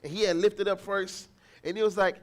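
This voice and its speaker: A man preaching a sermon as pastor, telling a family story and acting out the people in it, with bursts of shouting. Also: sits high, brisk. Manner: animated, acts out voices, shouts encouragement.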